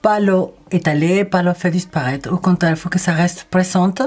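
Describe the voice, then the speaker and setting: A woman's voice: fairly low pitch, normal speed. Bubbly woman doing a chit-chat makeup tutorial, talks right to the viewers, lots of energy. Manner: chatty, energetic and expressive; addresses viewers directly. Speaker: beauty vlogger.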